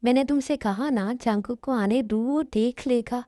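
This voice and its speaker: A woman voicing a calm, easygoing father in an amateur Hindi dubbed drama, speaking in an unhurried, dismissive way. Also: a little high, no echo, studio quality, close to an everyday voice.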